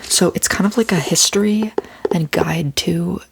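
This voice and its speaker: A woman doing a whispered role-play as a bookstore clerk, soft-spoken like in a library, casual and a little hesitant in her phrasing. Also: lowish voice, measured pace, creaky, slight background noise, rough recording.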